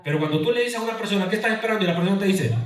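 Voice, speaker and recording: A man's voice: high-pitched, rapid-fire. A man preaching a sermon as a pastor, throwing questions to his congregation and answering them. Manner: preaching with call-and-response questions. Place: church hall. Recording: echoey church hall from far off.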